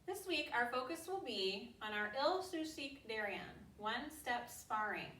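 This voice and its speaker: A woman martial arts instructor explaining technique to students in clearly phrased, measured instruction. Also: a little high, animated, pushed and bright. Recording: echoey room, distant mic, faint noise.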